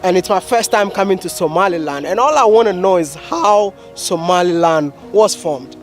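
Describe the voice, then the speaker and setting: A man's voice: high-pitched, normal speed, soft background music. A man from Ghana vlogging his travels in an upbeat, chatty way, full of curious questions. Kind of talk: casual travel vlog narration.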